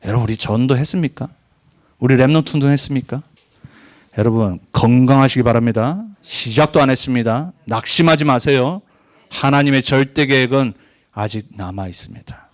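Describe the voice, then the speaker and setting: A male pastor delivers a sermon in an earnest, exhorting way. His voice sits at a middle pitch, and it leaps upward when he stresses a point. Then it settles back into calm pleading.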